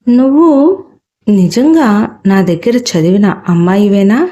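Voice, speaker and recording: A stern, suspicious male teacher , as a woman storyteller puts him on presses a girl with sharp questions in a storybook reading. The tone is mellow and warm rather than gruff, and it sits at a medium pitch. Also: lively intonation, unhurried, close to an everyday voice. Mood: questioning. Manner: interrogating, rising to anger.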